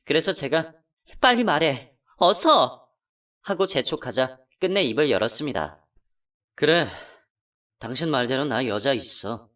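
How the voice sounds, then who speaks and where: A woman narrating and playing a hurt wife in a radio drama, with an emotional, accusing delivery. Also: far from the mic. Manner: emotional, accusing, pitch climbing when upset. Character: betrayed wife, hurt and furious. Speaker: narrator and voice actor.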